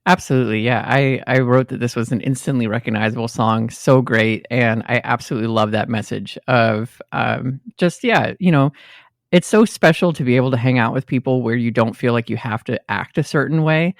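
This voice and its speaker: Here is a man co-hosting a music podcast, friendly and talkative, with plenty of filler ums. His pitch sits in an ordinary middle range. The sound is close and dry, with no room around it. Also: brisk, gravelly, no echo. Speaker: podcast co-host. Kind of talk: casual chat.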